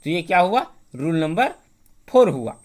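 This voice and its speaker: Broadcast grammar teacher, mid-pitched, spells words out letter by letter, answers their own questions. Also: sing-song, moderate pace, a little mellow. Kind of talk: televised grammar lesson.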